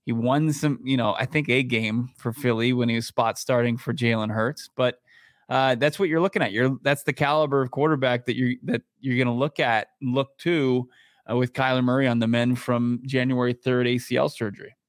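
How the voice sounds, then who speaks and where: A man's voice: mid-range voice, steady tone, a little fast, no echo, clean studio sound. A man co-hosting a sports podcast, chatting casually and thinking aloud with frequent restarts. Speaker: podcast co-host.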